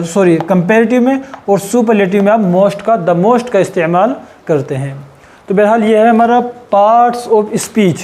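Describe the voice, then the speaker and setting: A man teaching English grammar in a patient, explanatory way, repeating and rephrasing points and slowing down to spell out English example sentences. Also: sits high, dark tone. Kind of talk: explanatory lesson.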